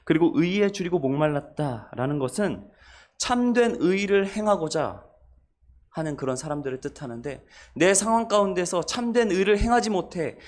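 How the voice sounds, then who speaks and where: A man's voice: high voice, lively intonation, normal speed, darkish tone. A man preaching a sermon as pastor, asking the congregation questions and rising on repeated refrains.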